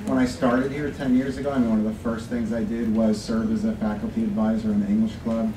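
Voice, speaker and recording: A middle-aged college English department chair gives an informal, reflective speech from a podium in a classroom, talking fast in a fairly low, flat voice. A distant camera captures it from afar, picking up echo plus audience and room noise.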